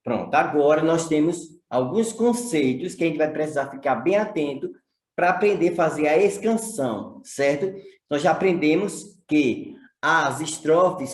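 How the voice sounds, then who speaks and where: A male teacher from Sergipe, Brazil, speaking with a Brazilian Portuguese accent in a voice on the high side, explains a lesson and poses rhetorical questions. It's a recorded online lesson with a reverberant sound.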